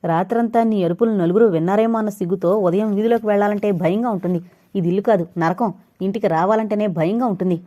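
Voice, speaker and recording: A woman narrator voicing an angry young husband who drinks, shouting curt replies at his wife in an audio novel. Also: mid-range voice, quick pace, lightly acted.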